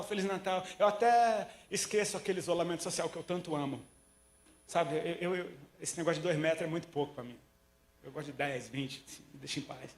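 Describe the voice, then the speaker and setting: A Brazilian man preaching a sermon, telling stories with slang and acting out the quotes. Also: on the high side. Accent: Brazilian Portuguese. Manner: animated storytelling, slangy, acts out quotes. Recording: roomy echo.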